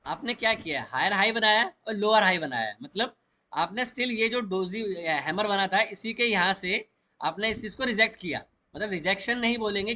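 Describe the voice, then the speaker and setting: Bright-voiced man teaching chart trading. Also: high voice. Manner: explains step by step, mixing English trading terms into Hindi. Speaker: stock market trading educator. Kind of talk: chart walkthrough lesson.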